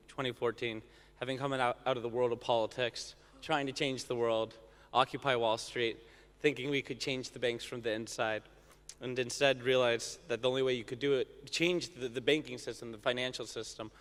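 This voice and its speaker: A man speaking as a panelist in a conference discussion, talking quickly and casually with fillers. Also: medium pitch, fairly bright tone. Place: conference stage. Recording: reverberant conference hall.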